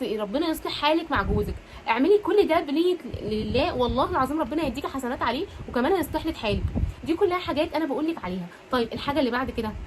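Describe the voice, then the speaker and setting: A woman's voice: high-pitched, a little hiss or hum, rough recording. A woman with an Egyptian accent giving casual, playful relationship advice, acting out little dialogues as she talks. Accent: Egyptian Arabic. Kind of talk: casual advice talk to women.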